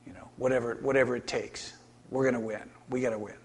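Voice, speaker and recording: A man preaching a sermon in a conversational way, animated and acting out quoted lines, who works as a counselor. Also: medium pitch, fast talker.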